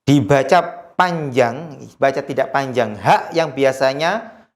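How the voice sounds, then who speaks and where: Recitation teacher, recorded lesson, very slow delivery, middle pitch, melodic chanting, brisk low explanations. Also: animated. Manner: chants verses slowly and higher, explains rules quickly and lower.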